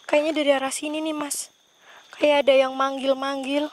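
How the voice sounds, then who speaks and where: A woman's voice: sits high, level tone, moderate pace. A woman vlogger narrating a night ghost hunt outdoors among trees, talking in a tense, exclamatory way to her companion.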